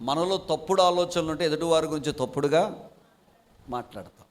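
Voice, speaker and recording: A middle-aged man preaching a sermon, asking the congregation questions and answering them himself, and reading scripture slowly. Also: a little high. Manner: slow measured scripture reading. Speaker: pastor.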